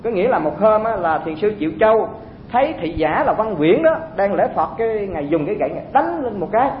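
A man's voice: very animated, fast talker. A man giving a dharma talk to monks, in a conversational way with rhetorical questions. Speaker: Buddhist teacher addressing monks. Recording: echoey, phone-like sound with faint rumble.

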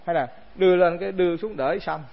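A man's voice: sits high, fast, creaky. A man, a monk giving a Buddhist dharma talk to the assembly, casual and conversational, often asking rhetorical questions. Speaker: monk teacher. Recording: dull lo-fi recording.

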